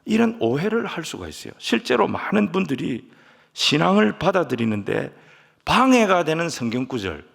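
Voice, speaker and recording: Korean pastor preaching in a reverberant hall. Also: male voice, a little high, gravelly, breathy edge. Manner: emphatic preaching, swings from soft near-whispers to loud stressed lines; leads the congregation in reading scripture aloud. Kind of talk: sermon. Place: large church sanctuary. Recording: long church hall reverb.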